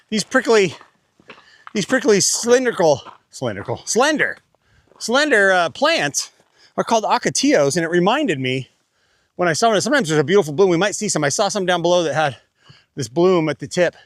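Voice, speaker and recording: Lively, high-voiced man chatting on a desert hike. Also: no echo, studio quality. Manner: chatty, rambling, playful. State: out of breath while climbing. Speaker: vlogger, hiker. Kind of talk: casual chat on a desert hike. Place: outdoors in a breezy desert.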